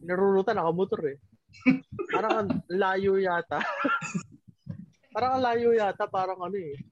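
A man's voice: high-pitched, unhurried. A young man chatting casually on a podcast, rambling with fillers. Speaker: podcast co-host. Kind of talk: casual chat. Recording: dry muffled lo-fi audio.

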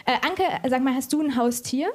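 A woman's voice: high-pitched, brisk. A woman hosting a live book talk, chatty and playful, with a lot of filler words as she talks. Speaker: podcast host. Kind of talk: live casual interview with an audience.

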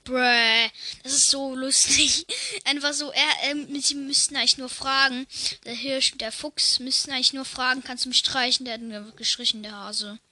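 Host: high, bright woman telling jokes slowly, giggly, casual slang, dry sound. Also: steady tone. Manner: giggly, laughs at her own jokes. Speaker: channel host.

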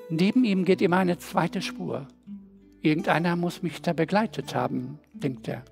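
A man's voice: high-pitched, creaky. A man preaching a sermon as a pastor, telling stories and repeating phrases rhythmically. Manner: storytelling preacher, rhythmic repetitions.

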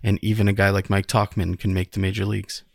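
A man's voice: fairly low pitch, level tone, fast talker, gravelly, no room sound. A man co-hosting a sports podcast, joking wryly in casual chat. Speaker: podcast co-host.

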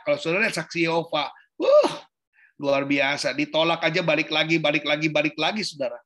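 A man's voice: high-pitched, pushed and bright. A male pastor preaching a sermon, often calling on his listeners directly and acting out little quoted scenes. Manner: conversational preaching, addresses listeners as Saudara, acts out quotes.

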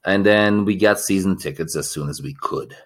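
A man with a deep, low voice co-hosts a casual podcast, chatting and telling stories with enthusiasm. His voice is still a little worn from yelling at a match days ago. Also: normal speed. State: recovering a lost voice. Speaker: podcast co-host. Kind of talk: casual chat.

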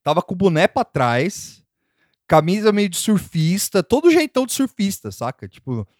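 A man's voice: high voice, big pitch swings, normal speed, dry recording, studio quality. A man telling a story in a casual chat, rambling with many fillers and frequent laughs.

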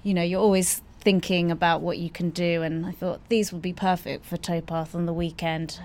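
A woman's voice: on the low side, little pitch movement, normal speed, a little mellow. A woman who owns a café and has written a cookbook, talking in a candid, chatty, self-deprecating way. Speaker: café owner and cookbook author. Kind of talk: casual conversation.

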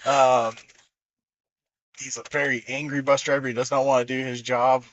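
A man's voice: mid-range voice, little pitch movement, moderate pace, a bit bright, lo-fi sound. A man hosting a podcast in casual chat, rambling with many fillers and acting out movie quotes. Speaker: podcast host.

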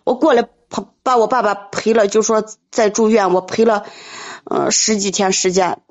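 A woman calling an advice show, telling her troubles in a halting, distressed way with many repeats. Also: mid-range voice, fairly even intonation, lo-fi sound. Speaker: caller.

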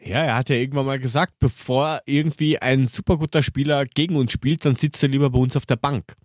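A man's voice: medium pitch, steady tone, fairly quick, no echo, clean studio sound. A man co-hosting a casual football talk, relaying news in colloquial language with sardonic asides. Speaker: co-host of a football talk show.

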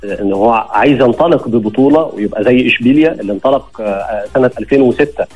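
A man with an Egyptian accent giving conversational football analysis as a guest, slightly husky and repeating phrases as he argues. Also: medium pitch, very fast, narrow, tinny audio, soft background music. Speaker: sports journalist, studio guest.

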